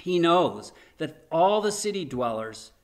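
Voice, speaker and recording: An older man delivers a sermon from a room in his home, speaking into a webcam. His voice sits a little high, and he tells the scripture story with earnest, emphatic storytelling. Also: sing-song, a little slow. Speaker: pastor. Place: home room in front of a framed painting.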